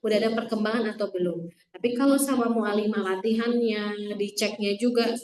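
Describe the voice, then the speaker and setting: A woman's voice: mid-range voice, brisk, darkish tone. A woman teaching a Quran recitation class, demonstrating letter sounds over and over and asking the students questions. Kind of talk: classroom tajwid lesson. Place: classroom with some students online. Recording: echoey room, mic at a distance.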